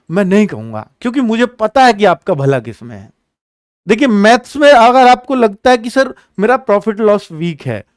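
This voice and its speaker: A man's voice: high voice, no echo, studio quality. A man who teaches exam coaching, giving frank advice to students in a blunt, chatty way. He scolds, repeats his points and nudges students along.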